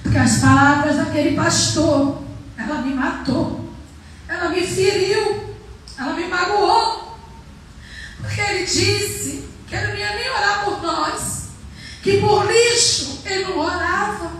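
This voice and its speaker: A woman missionary preacher, telling her testimony in a sermon, acting out the dialogue and moving from soft to loud. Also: very high voice, unhurried, slight background noise. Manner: emotional storytelling, acts out dialogue, swings from soft to loud. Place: church hall. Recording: echoey church hall from far off.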